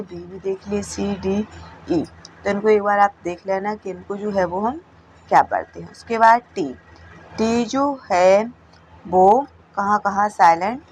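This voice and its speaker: Woman teacher, unhurried step-by-step lesson, faint background hum. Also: mid-range voice, poor audio. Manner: slow, with repeated checks like "theek hai". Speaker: English teacher. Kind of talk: explaining a classroom lesson.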